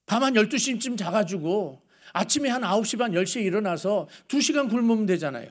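Middle-aged male pastor, high voice, chatty preaching with anecdotes and rhetorical questions. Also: expressive, fairly quick. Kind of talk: sermon.

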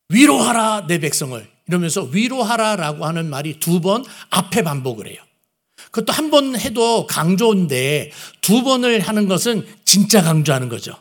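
A man's voice: sits high, big pitch swings, brisk. A man preaching a sermon who asks his listeners questions and acts out the lines he quotes. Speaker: pastor.

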